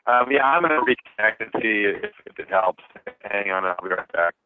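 A man's voice: on the low side, animated, a little fast. A man on a work conference call, his voice garbled as if underwater, explaining in a loose way with lots of fillers. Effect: garbled, underwater-sounding connection. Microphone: conference call line. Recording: tinny, dry phone line.

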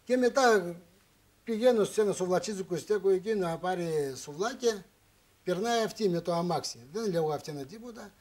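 High-voiced man telling a rambling story. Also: darkish tone. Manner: rambling, broken Greek with repeated phrases. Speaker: guest on a relationship talk show. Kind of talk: emotional storytelling. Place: television studio.

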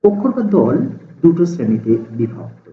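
A male teacher speaks at a steady medium pitch, slow and deliberate as he explains, drawing out example sounds one by one. His voice comes through thin and phone-like. The room behind him rings with echo. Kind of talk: explanatory lesson. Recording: tinny, echoey phone-like sound.

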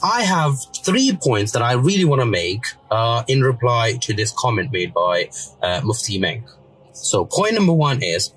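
A husky, medium-pitched male voice belongs to a commentator in his thirties, Pakistan-born and a native Urdu speaker. He earnestly gives a casual video rebuttal from a parked car, recorded on a phone with many fillers, and the recording is low quality.

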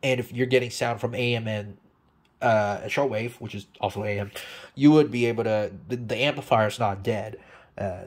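Speaking off the cuff in a lowish, darkish voice, this man makes radio repair videos as a hobby and chats through a casual update. He's rambling and blunt, with plenty of swearing.

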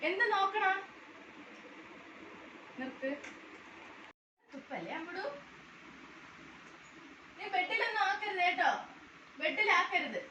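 A woman with a very high, piping voice plays a mother in a home skit, coaxing and scolding little ones in sing-song baby talk. She sounds distant from the mic in an echoey room, with clear household noise behind her. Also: expressive, takes it slowly, pauses often, bright, forceful tone.

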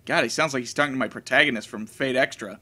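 A man's voice: medium pitch, fast talker, bright, forceful tone. A man reading a visual novel aloud as a let's play host, with wry asides.

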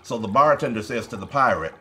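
An actor playing a crude, teasing bar regular who tells dirty jokes. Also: male voice, mid-range voice, lively intonation, fast, pushed and bright. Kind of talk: film dialogue.

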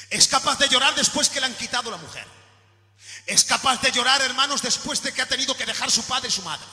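A man from Spain preaching a sermon in a church, shouting at his peaks and dropping low in between. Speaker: pastor. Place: church hall. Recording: echoey church hall recording with faint music.

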